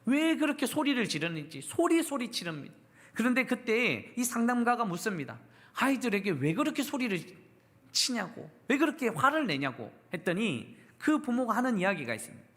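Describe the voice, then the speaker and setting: A woman's voice: a little high, very animated, normal speed. A woman pastor preaching a sermon at a church service, asking the congregation questions and having them repeat lines back.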